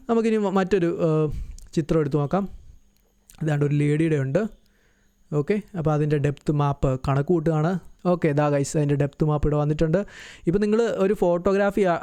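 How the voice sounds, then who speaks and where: A man hosting a screen-recorded software tutorial, talking through each step in a chatty way and correcting himself as he goes. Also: a little high, no echo. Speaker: tutorial host.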